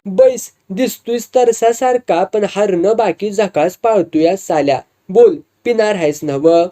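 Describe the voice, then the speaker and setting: A man voicing a drunk, bullying rich village man who swaggers and threatens loudly. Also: high-pitched, measured pace, voice pushed up. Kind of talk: storytelling with acted dialogue.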